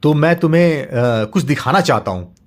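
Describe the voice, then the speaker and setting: A huge demon questions and taunts an intruder in a raised, loud voice, put on by a male narrator. Mocking and sure of himself. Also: on the high side, expressive, normal speed, voice pushed up, close to an everyday voice.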